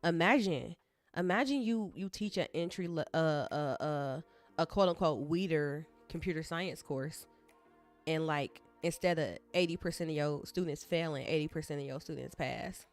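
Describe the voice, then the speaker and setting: A woman streaming her coding session talks in a loose, rambling way, candid and expressive as she speaks straight to her audience. Her voice sits a bit on the lower side. Soft music plays faintly behind her. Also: moderate pace. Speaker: live-streaming coder. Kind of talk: casual rambling stream chat. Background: soft background music.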